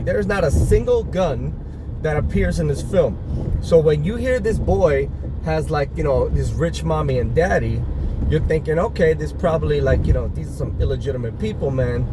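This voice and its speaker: A man from New York City talks through his reaction to a movie in a loose, rambling way, circling back and repeating points for emphasis. His voice sits a little high for a man. He is outdoors, and loud traffic rumbles steadily behind him. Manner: rambling, self-correcting, emphatic repetition. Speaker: movie reviewer. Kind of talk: casual spoken movie reaction.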